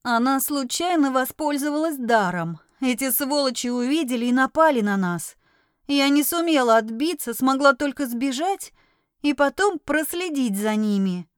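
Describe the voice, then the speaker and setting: A woman's voice: high-pitched, animated, normal speed, smooth, dry recording, studio quality. A woman voicing a brash, desperate young witch in an audiobook, speaking in a pushy, urgent way.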